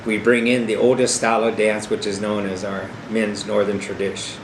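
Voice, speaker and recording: An older man speaks in a fairly low voice, giving an earnest, informal educational talk. He explains as an experienced arena director, returning to emphatic phrases. The room rings with echo, and a steady noise sits clearly behind him. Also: normal speed. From South Dakota, United States. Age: middle-aged or older. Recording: echoey room with clear steady background hum.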